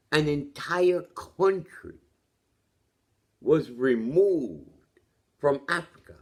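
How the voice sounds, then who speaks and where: A toothless man with a Jamaican accent thinks aloud, his lips folding over his gums so the consonants come out soft. His voice is creaky and his pitch swings widely as he goes. He takes his time, offering opinions and rhetorical questions in a loose, reflective monologue.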